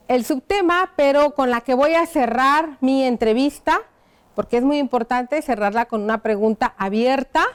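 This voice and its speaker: A woman teaching a primary school lesson on television, dictating slowly as she writes on a board and checking in with the children through frequent tag questions. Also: sits high. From Mexico. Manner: slow, careful dictation while writing on a board.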